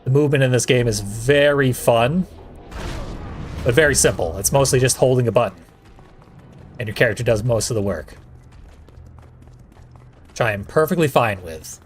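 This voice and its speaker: Male let's play host, dry sarcasm, casual commentary, medium pitch, faint noise behind. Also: moderate pace, pauses often.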